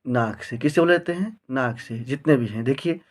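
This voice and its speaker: A man teaching a grammar lesson to students, reciting rules slowly and asking the class questions as he goes. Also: medium pitch. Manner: slow, drawn-out recitation with frequent questions to the class.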